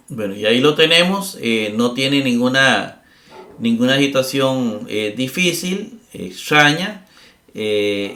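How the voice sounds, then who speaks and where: Here a middle-aged teacher walks through Greek grammar step by step with patience, regularly asking "¿verdad?" and filling pauses with "eh." He speaks at a medium pitch with a slightly bright tone, and the recording sounds roomy.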